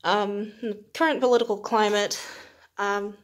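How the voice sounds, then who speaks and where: With fairly even intonation at a normal speed, a young woman in a mid-range voice hosts a book review video. She rambles in a relaxed, self-deprecating way, with small laughs along the way.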